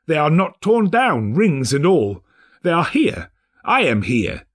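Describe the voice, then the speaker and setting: A man acts out a giddy old miser bursting with joy in a storybook tale. The pitch is pushed high and swings wildly, with a husky edge. The delivery is excitable, breathless and exclamatory. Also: takes it slowly, exaggerated voice. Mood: tearful relief. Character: jubilant reformed old miser Scrooge, giddy and overjoyed.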